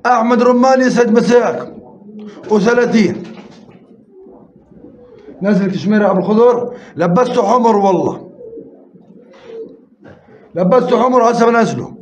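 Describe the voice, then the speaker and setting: High-voiced pigeon auctioneer. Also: male voice, darkish tone. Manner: rapid bid counting and urging viewers. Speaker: live auction host. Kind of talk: live-stream pigeon auction calling. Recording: roomy, slightly dull live-stream audio with faint noise.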